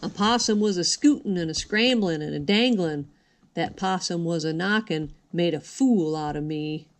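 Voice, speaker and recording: A woman's voice: lowish voice, moderate pace. An older woman, a sweet grandmotherly lady, reading a storybook aloud in a folksy, rhythmic way with dropped g's. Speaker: grandmother reading a picture book.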